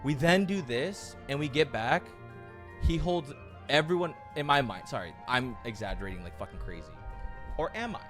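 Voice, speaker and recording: Animated, swearing man telling a story. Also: medium pitch, moderate pace, soft background music. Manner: animated, profane, self-mocking. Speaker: streamer telling a travel story. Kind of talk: casual storytelling.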